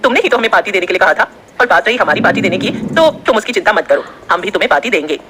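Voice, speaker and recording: A woman voicing an easygoing young female student who talks in a calm, teasing way. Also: mid-range voice, racing, background noise, close to an everyday voice.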